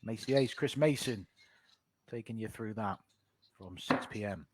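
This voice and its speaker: A man's voice: fairly low pitch, measured pace. A man giving live sports commentary on a darts match. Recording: very noisy live stream sound.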